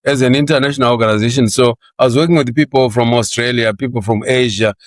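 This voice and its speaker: A man's voice: mid-range voice, fairly even intonation, quick pace. A man in his sixties from Zimbabwe, a guest in a career interview, with a mid-range voice that sits right in the middle for a man. He talks in a loose, chatty way, often laughing and stumbling over repeated words at the start of his thoughts. The sound is close and dry, with no room echo.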